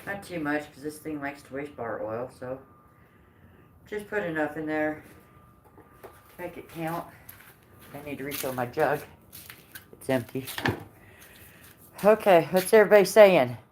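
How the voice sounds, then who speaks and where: A woman's voice: sits low, lively intonation, a little slow, pauses often, darkish tone. A woman chatting to her viewers while she works in her workshop, breathing hard from the effort. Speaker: woodcarving vlogger. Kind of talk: casual chat while working. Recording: roomy workshop sound, mic at a distance, noisy.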